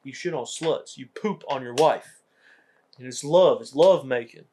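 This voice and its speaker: A man's voice: mid-range voice, measured pace, slight background noise. A young man co-hosting a podcast, casually retelling comedy movie scenes and acting out the lines. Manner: animated storytelling, acts out quotes. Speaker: podcast co-host.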